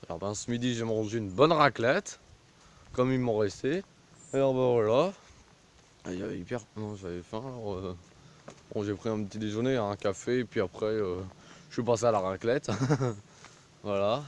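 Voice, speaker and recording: A man's voice: on the low side, normal speed, pauses often. A man vlogging while walking a country path, talking into a phone on a pole, hesitant and full of fillers. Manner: hesitant, full of fillers and trailing "voilà, hein". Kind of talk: rambling outdoor vlog. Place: outdoors on a country path in a village. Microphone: phone on a pole held while walking. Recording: faint rural outdoor noise.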